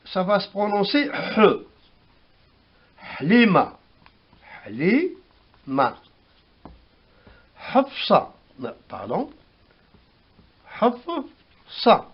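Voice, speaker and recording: A man giving a spoken language lesson, slowly repeating words to show how they are pronounced, on a dull lo-fi recording. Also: fairly high pitch, husky. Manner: slow, repeats words for pronunciation. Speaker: language teacher.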